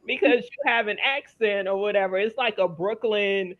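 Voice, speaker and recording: A woman's voice: medium pitch, normal speed. A woman from Louisiana with a faint Southern accent, hosting a panel and telling stories in casual conversation. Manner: storytelling, conversational, quotes others. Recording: dull lo-fi audio.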